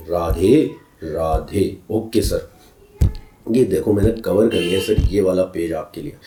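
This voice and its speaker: Male commerce tutor, dark mellow tone, echoey room, brisk list-repeating delivery. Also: lowish voice, slight background noise. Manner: mixes English terms into Hindi explanations, addresses students as children; brisk, repeats key terms as lists. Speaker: commerce teacher. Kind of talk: recorded class lesson.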